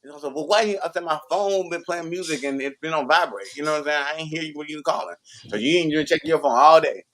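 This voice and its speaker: On a noisy recording marked by clicks, a male podcast co-host with a fairly bright, higher-pitched voice talks quickly. His casual chat is full of rambling, profane stories in which he plays both sides of past arguments, often adding "you know what I'm saying."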